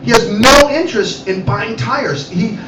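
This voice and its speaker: High-pitched guy doing stand-up at a cafe, animated, echoey room, loud noise. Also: unhurried, recorded from a distance. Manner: animated, acts out characters. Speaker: comedian. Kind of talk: stand-up comedy storytelling.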